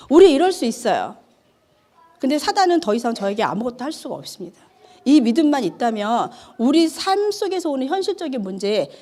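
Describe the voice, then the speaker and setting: Lively high-voiced woman in her fifties preaching. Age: 50s. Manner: animated storytelling that acts out the dialogue; chatty, asks the congregation questions. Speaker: evangelist preaching. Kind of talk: sermon.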